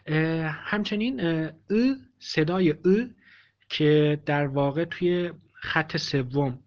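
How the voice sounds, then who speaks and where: A man teaching a language lesson, explaining patiently and repeating each example sentence with many pauses. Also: fairly high pitch. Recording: dull lo-fi recording.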